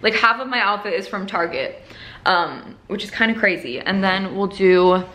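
A woman's voice: medium pitch, moderate pace, pushed and bright. A young woman chatting casually to camera as a lifestyle vlogger, rambling along and peppering her sentences with "like". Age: young adult. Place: indoors at home, mostly a living room or bedroom. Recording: echoey room with faint noise.

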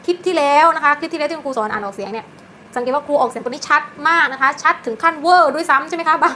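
A woman teacher talks quickly in a high, bright voice, explaining pronunciation to parents. She exaggerates rolled r sounds to show them clearly. A faint hiss of background noise sits under her voice.

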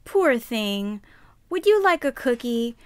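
A woman voicing a kind, timid little girl in a children's puppet show, sweet and deliberate. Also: fairly high pitch, big pitch swings, no echo, clean studio sound.

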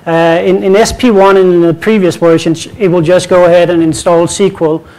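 Presenting a technical session at a conference, a Danish-accented man from Denmark speaks briskly in a steady, darkish voice that still sits fairly high for a man. He's casual, repeats words often, and drops in light jokes, all on poor audio.

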